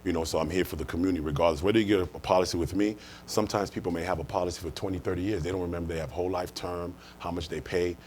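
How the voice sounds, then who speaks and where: Talking very fast with hardly any pauses, a US-born life insurance manager explains his answers earnestly as an interview guest, repeating his points as he goes. The voice is low, steady, and a little mellow, with a faint hiss or hum in the recording.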